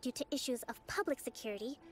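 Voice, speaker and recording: This is scripted video game dialogue with music behind it: a woman voices a young island leader who is poised and firm, polite and articulate as a diplomat. She speaks quickly in a high-pitched voice with lively intonation.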